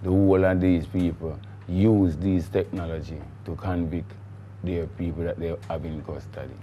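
A man's voice: low-pitched, fairly even intonation, normal speed, muffled recording, music in the background. A middle-aged man with a Jamaican accent, a guest in a studio interview, talking in a rambling, emphatic way with patois phrasing. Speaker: guest, recording artiste.

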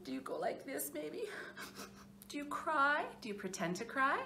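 A woman children's librarian leading a storytime, talking to small children in an animated, expressive way. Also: high-pitched, normal speed, gravelly, roomy sound, slight background noise.

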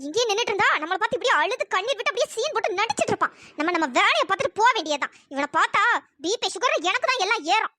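A woman voicing a scornful cartoon wife, very high, fast, bright sharp voice. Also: expressive, no room sound, studio quality, exaggerated voice.

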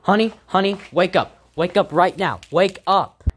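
A man's voice: high voice, normal speed, slight background noise, voice pushed up, lightly acted. Man as a goofy, jumpy puppet dad. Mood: flustered. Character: jumpy, suspicious suburban dad sock puppet. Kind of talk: amateur sock puppet comedy.

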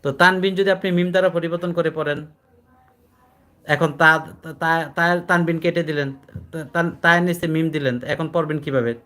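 A man whose slightly raised voice sounds pushed and bright, with fairly even intonation, teaches a class of adult students Quran recitation; they call him hujur. Patient and repetitive, he explains rules more than once and checks understanding with questions, chanting recited words slowly with drawn-out syllables.

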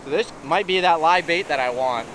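A man in his thirties casually narrating on camera as he fishes from a beach, explaining each step and getting excited when fish bite. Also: fairly high pitch, brisk. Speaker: fishing vlogger. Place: sandy beach outdoors by the surf. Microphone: action camera, head-mounted and handheld. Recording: outdoor beach audio with loud surf and wind. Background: crashing waves and wind.

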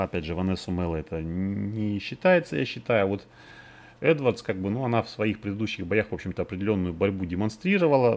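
A man's voice: on the low side, creaky, a little mellow. A man hosting a betting podcast, previewing fights in a casual, hesitant way, thinking aloud with many fillers. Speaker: MMA betting podcast host.

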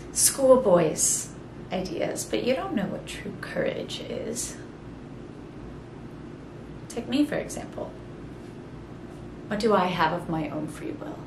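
A woman in her twenties acting a proud, bold young woman in a deliberate, challenging classical stage monologue. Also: lowish voice, very animated, exaggerated voice. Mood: scornful. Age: 20s. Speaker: actor. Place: small plain-walled room indoors. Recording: roomy echo, clear background noise.

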